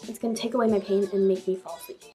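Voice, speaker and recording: A woman's voice: medium pitch, steady tone, very fast, over loud music. Chatty teen girl with a new lisp. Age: teens. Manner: chatty, filler-heavy, bubbly. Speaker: vlogger. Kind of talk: casual vlog chat. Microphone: camera mic.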